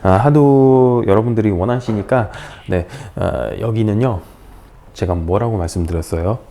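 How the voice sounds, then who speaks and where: A woman's voice: rumbling low, a little slow, warm tone. A woman teaching Chinese pronunciation, drilling syllables and tones one by one and explaining with playful asides to her learners. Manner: drills syllables and tones, repeating after each. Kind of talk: pinyin pronunciation lesson.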